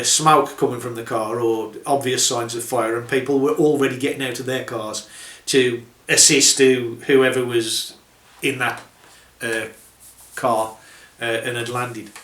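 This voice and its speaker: A man's voice: mid-range voice, a bit bright, echoey room. A middle-aged man telling trucking stories in a casual, dry, sardonic way, chuckling at his own jokes. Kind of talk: casual anecdotal storytelling.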